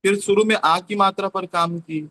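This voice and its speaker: A man explaining a teaching method in an online class, slowly repeating example words. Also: high-pitched, fairly even intonation, sharp tone. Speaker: teacher training trainer.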